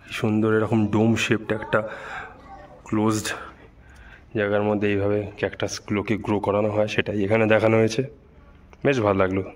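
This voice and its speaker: A man's voice: on the low side, fairly quick, pauses often, slight background noise. A man casually showing viewers around, his voice echoing strongly inside a closed domed greenhouse. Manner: relaxed, admiring, chatty. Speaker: travel vlogger. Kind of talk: casual guided-tour narration to viewers. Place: indoors in a domed cactus house. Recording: roomy echo with people around.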